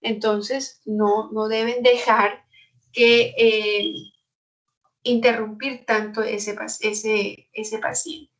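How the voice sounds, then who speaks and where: A woman's voice: a little high, little pitch movement, extremely slow, distant mic, low-quality recording. A woman internist teaching medical students in an online lecture, acting out bits of doctor and patient dialogue.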